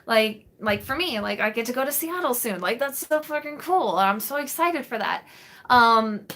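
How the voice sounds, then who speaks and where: A woman in her late twenties answers live chat on her stream, rambling casually with lots of fillers and restarts into a webcam in a small bedroom against a green wall. Her voice is slightly high, lively and fairly bright, at a normal speed.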